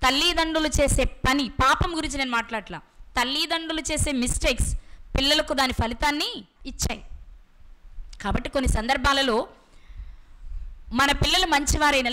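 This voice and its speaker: Woman preacher, high bright voice, asks the room questions and answers them, slows down on key words. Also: a little hiss or hum. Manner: slows down to stress words and scripture. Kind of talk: Bible sermon.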